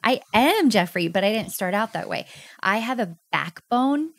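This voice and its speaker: A woman in her thirties with a medium-pitched, sing-song, gravelly voice speaks at a normal speed in a dry recording. As a podcast guest, she tells her personal story earnestly and from the heart in a candid interview.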